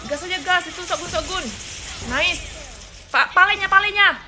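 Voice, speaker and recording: A woman streaming a mobile game with excitable, chatty commentary, swearing and calling out to her viewers while fighting a cold and cough. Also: very high-pitched, moderate pace. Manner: excitable, chatty, swears, keeps saying "guys". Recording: noisy background.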